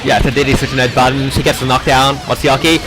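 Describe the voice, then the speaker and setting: A man's voice: mid-range voice, steady tone, quick pace, over music, low-quality recording. Laid-back slangy male game commentator. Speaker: esports commentator. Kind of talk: casual co-commentary.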